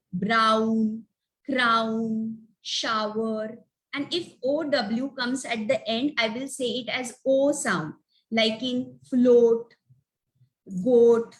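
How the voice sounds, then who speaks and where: A woman's voice: on the high side, fairly bright tone. A woman teaching phonics in a webinar, patiently spelling out letters one by one and sounding out example words. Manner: patient, repeats "okay" between points. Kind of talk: slow instructional webinar talk.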